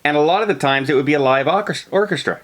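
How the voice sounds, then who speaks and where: A man's voice: fairly high pitch, fast, fairly bright tone. A man co-hosting a film review channel, chatting casually as he loosely retells and discusses a movie.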